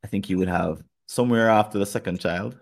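Here a fast-talking man with a fairly low, gravelly voice and a Jamaican accent hosts a laid-back podcast. His talk is earnest and reflective, and he periodically turns to speak directly to his listeners.

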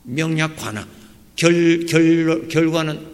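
A man preaching a sermon as a pastor, lively and emphatic, with loud peaks and quiet asides. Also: a little high, takes it slowly. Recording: reverberant church hall.

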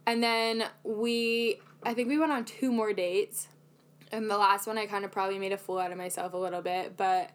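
A woman's voice: medium pitch, steady tone, normal speed. A young woman co-hosting a podcast, telling a dating story in a chatty, self-mocking way with lots of fillers. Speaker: podcast co-host. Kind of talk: casual chat.

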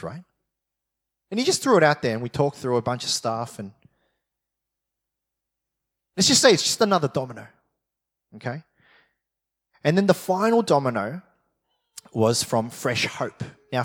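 A man's voice: mid-range voice, a bit bright. Man preaching a chatty sermon. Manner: chatty, storytelling, frequent rhetorical questions. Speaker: pastor. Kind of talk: conversational sermon. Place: church.

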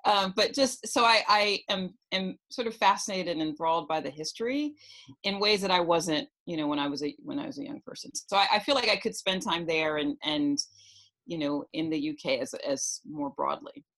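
A woman's voice: fairly low pitch, animated, normal speed, fairly bright tone. Reflective New York woman in her forties. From New York City. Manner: rambling, reflective, many fillers. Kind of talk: casual chat.

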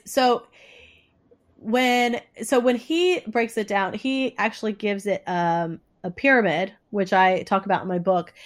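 Woman, stuffy nose, congested, medium pitch, halting explanations, conversational podcast guest. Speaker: interview guest, author and coach.

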